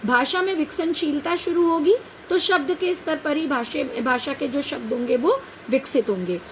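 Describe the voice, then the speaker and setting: A woman's voice: high-pitched, normal speed, rough recording. A woman teacher giving a lecture, explaining a text patiently and checking in with her students through rhetorical questions. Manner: patient, addresses students as "बेटा". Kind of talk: classroom lecture on a set text. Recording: faint background noise.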